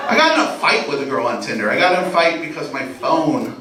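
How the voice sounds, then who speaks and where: A man performing a self-deprecating stand-up set on a club stage, talking animatedly and sometimes breaking into yelling. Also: on the high side, very animated, fast, far from the mic, a little hiss or hum. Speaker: stand-up comedian. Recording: roomy club sound with loud audience laughter. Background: audience laughter.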